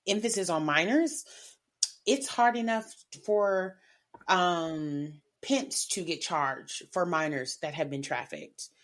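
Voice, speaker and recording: Podcast co-host, woman, lowish voice, casual and animated with frequent laughs. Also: slow. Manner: animated, chatty, laughs often. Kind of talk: casual chat.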